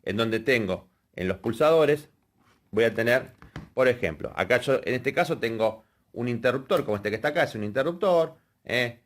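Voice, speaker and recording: A man's voice: mid-range voice, animated, moderate pace. Man explaining wiring step by step. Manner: explanatory, checks in with frequent "¿sí?" and "fíjense". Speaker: electrical workshop instructor. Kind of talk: hands-on technical lesson.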